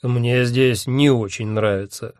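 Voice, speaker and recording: A man voicing a haughty, gruff old male Norse god in an audiobook, speaking slowly and scornfully with a lordly air. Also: mid-range voice, fairly even intonation, a little mellow, no room sound, clean studio sound, natural voice. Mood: haughty disdain. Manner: slow, scornful, lordly delivery. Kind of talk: audiobook character voice.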